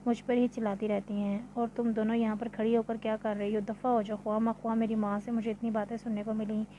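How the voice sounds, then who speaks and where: A spoiled, hot-tempered rich young woman from a read-aloud novel, as a woman narrator puts her on, demanding and scolding. The voice sits fairly high but moves little, with a soft, mellow tone. The recording is slightly dull, with a faint hum behind it. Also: little pitch movement, quick pace, natural voice. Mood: angry.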